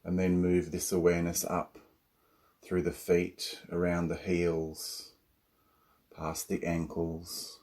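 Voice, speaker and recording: Speaking in a deep voice, a yoga nidra teacher leads a guided relaxation. His manner is soothing and calm, and he leaves long gaps after each instruction.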